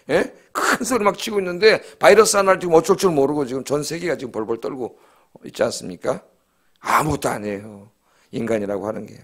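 A middle-aged male pastor delivering a dawn sermon with a somewhat high voice. He preaches emphatically and keeps checking in with the congregation through quick rhetorical prompts. He is heard in a church sanctuary. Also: a bit bright. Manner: emphatic, asks the congregation "예?" often.

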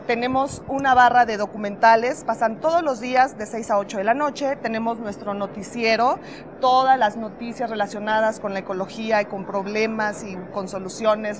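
A woman with a Mexican Spanish accent promotes her channel, briskly listing its shows into a handheld mic. Her voice sits a touch high, and an expo crowd is clearly heard behind her. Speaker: channel representative. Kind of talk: promotional interview.

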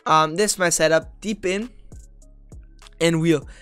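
Smooth-voiced young man breaking down plays. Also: fairly high pitch, fairly even intonation, measured pace, fairly bright tone, soft background music. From Austria. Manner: chatty and analytical, with offhand jokes. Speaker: video game strategy creator. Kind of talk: casual gameplay tutorial commentary.

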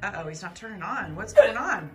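A woman in her thirties hosting a casual family vlog, talking in an upbeat, excitable way and coaxing her kids and the viewers along. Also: mid-range voice, fairly quick. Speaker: parent and channel host. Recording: clear background music under the talk.

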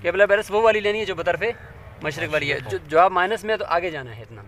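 A man's voice: high-pitched, animated, a little fast, fairly bright tone. A man teaching a hands-on demonstration, patient and step by step, often asking his listeners to check along.

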